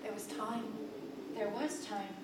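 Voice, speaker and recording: A woman narrates a dramatic, poetic scripted story live on stage, taking it slowly with a medium pitch and fairly even intonation. The live theater recording is distant, echoey and noisy.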